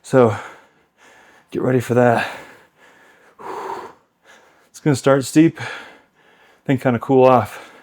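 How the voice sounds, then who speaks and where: A man's voice: medium pitch, fairly even intonation, takes it slowly, long pauses, darkish tone. Casual workout host, man in his thirties, winded, rambling and chatty between bike cues. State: out of breath. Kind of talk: casual coaching while cycling. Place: home exercise bike.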